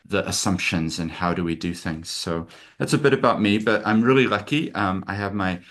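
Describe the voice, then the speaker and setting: A middle-aged American lawyer hosts a webinar over a video call, speaking in an earnest, open, conversational way. His voice sits low with a fairly bright tone, at a moderate pace.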